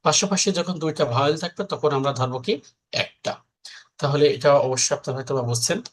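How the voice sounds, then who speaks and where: A man's voice: a little high, fast talker. A man, teaching a recorded exam-prep lesson in a conversational way, explaining step by step and often checking that his listeners follow.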